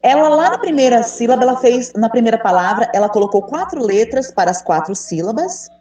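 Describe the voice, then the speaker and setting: Woman, brazilian portuguese accent, online teacher trainer, encouraging, mellow tone, echoey room, far from the mic. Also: fairly high pitch, expressive, brisk. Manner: patient, encouraging, asks the group questions. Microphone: video call.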